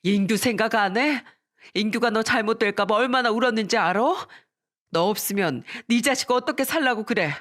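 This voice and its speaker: A woman's voice: a little high, moderate pace, fairly bright tone, voice pushed up, lightly acted. A woman voicing an older woman who is a stern but caring friend, scolding and pleading with tenderness.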